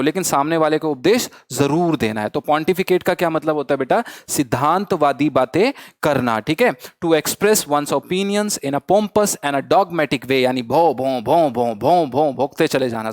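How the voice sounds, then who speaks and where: A man's voice: a little high, dry recording, studio quality. A man with an Indian accent teaching an online vocabulary lesson, often repeating his own questions back to the students. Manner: repeats questions to students, calls them beta.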